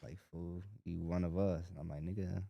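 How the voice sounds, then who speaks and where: A young man from Southern California, a music artist guest, talking casually in low-key mumbled street slang. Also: fairly even intonation, normal speed, vocal fry, no room sound, dull audio. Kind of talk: casual chat.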